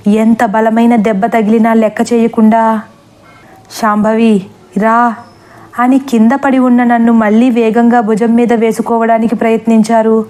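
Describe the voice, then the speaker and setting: Woman narrating a horror story, flat tone. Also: on the high side, moderate pace. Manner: emotional, dramatic reading with voiced dialogue.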